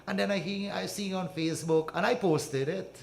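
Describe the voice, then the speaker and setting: A middle-aged man from Guyana with a Guyanese accent, co-hosting a studio radio talk show, halting and repeating words as he builds his point. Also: high voice, fairly even intonation, gravelly. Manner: halting, repeats words, grows loud and proud. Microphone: studio mic with headphones.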